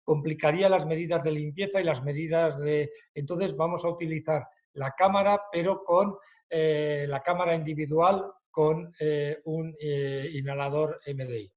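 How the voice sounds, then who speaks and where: A man's voice: a little high, fairly even intonation, dull audio. A man with a Spanish accent answering questions as a medical expert in a webinar, with many hesitations. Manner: hesitant, many fillers, then quick explanations.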